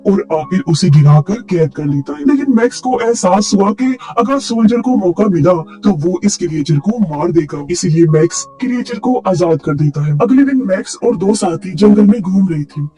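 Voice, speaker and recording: A man narrating a film recap in steady, scripted storytelling. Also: high-pitched, moderate pace, few pauses.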